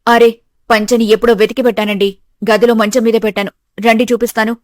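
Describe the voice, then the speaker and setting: A woman voicing a harsh middle-aged mother-in-law who scolds loudly. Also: on the high side, level tone, fast, dry recording, clean studio sound, natural voice. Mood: scolding. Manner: scolding, loud.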